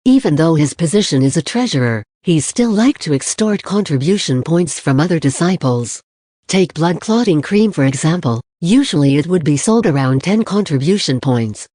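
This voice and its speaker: Dark, dry audiobook narrator. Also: medium pitch, expressive, normal speed, no room sound.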